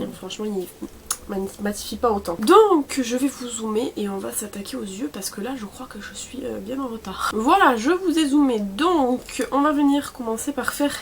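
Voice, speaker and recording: A woman's voice: fairly high pitch, slight background noise. A young woman with a cold, chatting casually through a makeup tutorial, full of fillers and self-corrections. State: sniffly from a cold. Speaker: beauty vlogger.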